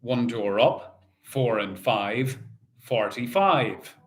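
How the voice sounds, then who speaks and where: A man works as a bingo caller, announcing numbers in set phrases. He repeats each one in a measured, sing-song manner, with a medium-pitched voice.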